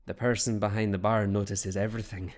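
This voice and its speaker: A man's voice: fairly low pitch, flat delivery, fairly quick, lightly acted. A man voicing a charming, well-dressed stranger at a bar who muses with an easy smile. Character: charming young male stranger, smiling and smooth.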